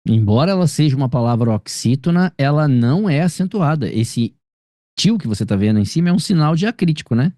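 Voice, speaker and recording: Brazilian male teacher, dark mellow voice. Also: a little high, animated, a little fast, no room sound, studio quality. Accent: Brazilian Portuguese. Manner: explanatory, checks understanding with frequent tag questions. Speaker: grammar teacher. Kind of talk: one-on-one tutoring session.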